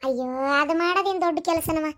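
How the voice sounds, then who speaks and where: A sharp-tongued village mother-in-law from a cartoon family comedy, played by a woman in a North Karnataka Kannada accent. She scolds and gossips bluntly in a very high, shrill, piercing voice. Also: quick pace. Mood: scheming.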